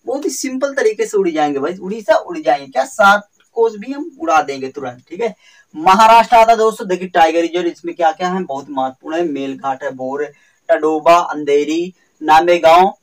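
A man's voice: high voice, far from the mic, poor audio. A man teaching a general-knowledge exam lesson, explaining memory tricks with repetitive, sing-song emphasis and calling his viewers friends. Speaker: quiz teacher.

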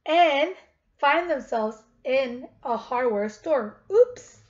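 This woman in her thirties reads aloud slowly and with animation to young pupils, repeating questions as their teacher. Her voice is high-pitched. She's indoors in her living room using a webcam at about arm's length, and the sound is dull with clear noise.

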